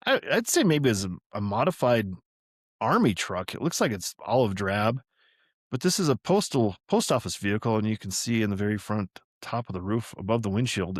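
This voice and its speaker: A man's voice: on the low side, no echo, clean studio sound. An older man hosting a podcast, reading a family memoir aloud and drifting into chatty, rambling asides that he corrects as he goes. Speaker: podcast host.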